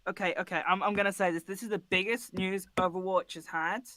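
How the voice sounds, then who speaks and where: A man co-hosting a casual esports podcast, animated and swearing freely as he argues his points. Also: sits high, brisk, no echo. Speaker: podcast co-host.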